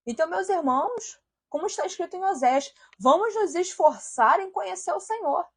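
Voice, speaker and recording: Earnest high-voiced woman preaching. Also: lively intonation, moderate pace. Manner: earnest, slips into softly spoken sample prayers. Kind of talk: sermon-style video exhortation.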